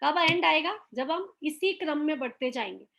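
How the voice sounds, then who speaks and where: A middle-aged woman with a very high voice leads a live online class. She keeps putting questions to her listeners and acts out small family quarrels to make her points. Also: animated, moderate pace, vocal fry, fairly bright tone, a little hiss or hum. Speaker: motivational teacher.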